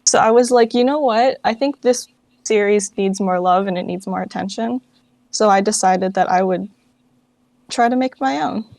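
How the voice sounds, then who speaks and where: A fan dub project founder, interviewed casually, leans heavily on fillers like "like" in her halting, informal speech. Her mid-range voice is creaky and darkish at a moderate pace, with no echo.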